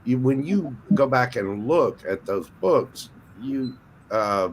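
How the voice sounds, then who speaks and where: A man's voice: medium pitch, lively intonation, slow, slight background noise, low-quality recording. A man in a casual group chat, explaining his view and listing points with emphasis. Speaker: chat participant.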